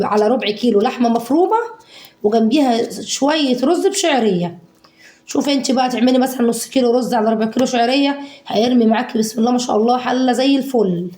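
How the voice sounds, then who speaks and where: Hoarse fast-talking Egyptian woman with a cold. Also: fairly high pitch, roomy sound. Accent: Egyptian Arabic. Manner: warm endearments to viewers, acts out their questions. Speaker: home cooking vlogger. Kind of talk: casual chatty cooking talk to viewers.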